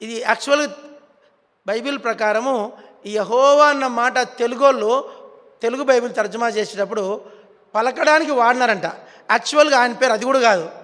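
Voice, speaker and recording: A man's voice: very high-pitched, moderate pace, pauses often, a bit bright. A male preacher with a Telugu accent, preaching a sermon and coaxing the congregation to repeat words after him. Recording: long hall reverb.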